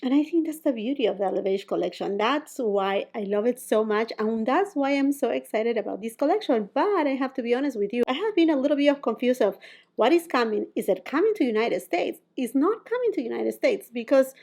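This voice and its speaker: A woman's voice: fairly high pitch, lively intonation, fairly quick, vocal fry, a little mellow. A woman from Peru, chatting casually to camera as a beauty vlogger, often laughing and quoting herself.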